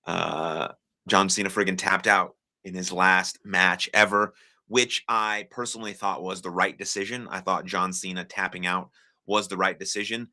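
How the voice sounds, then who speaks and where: A deep-voiced American livestream host speaks at a moderate pace with fairly even intonation and a bright, forceful tone. Friendly and encouraging, he chats casually with viewers, reads their comments aloud and uses plenty of filler words.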